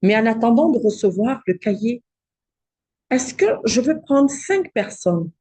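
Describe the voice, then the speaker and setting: A woman leads a live online workshop, speaking directly and pressing her listeners with rhetorical questions. Her voice sits fairly high, with a mellow, slightly husky tone. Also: lively intonation, measured pace. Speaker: cosmetics business coach hosting a live challenge.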